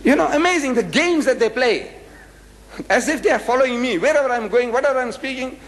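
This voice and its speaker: In a large hall, an older man with a very high-pitched voice gives a public religious lecture at a fairly quick pace. He argues emphatically and with energy, repeating phrases and acting them out.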